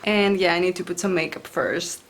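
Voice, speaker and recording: A woman's voice: on the low side, moderate pace, noisy background. A young woman vlogging casually from her living room, chatting and laughing at herself. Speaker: fashion vlogger. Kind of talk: casual chat with read-out facts. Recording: music playing underneath. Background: music.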